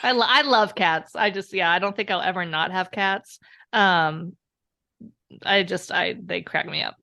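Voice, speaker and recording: A woman guest in a casual conversation, telling animated stories and laughing often. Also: fairly low pitch, a little slow, gravelly. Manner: chatty, animated storyteller who laughs often. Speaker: podcast guest.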